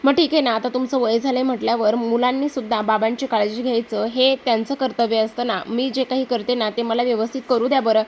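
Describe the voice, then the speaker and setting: A woman's voice: on the high side, fairly even intonation, a little fast, hardly any pauses, darkish tone, a little hiss or hum, natural voice. A woman voicing a devoted, dutiful young married daughter who speaks earnestly and with care. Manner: earnest and caring.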